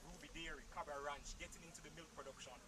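A young man speaking as an animal nutritionist on an outdoor panel, his loudness rising and falling. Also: on the high side, steady tone, racing, very noisy. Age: young adult. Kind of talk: panel discussion. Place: outdoor garden set. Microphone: lapel.

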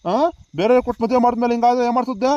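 A man doing a high-pitched, scolding old grandfather. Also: fairly even intonation, very fast, a little mellow, no room sound, dull audio. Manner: chiding, lecturing with repeated "ha".

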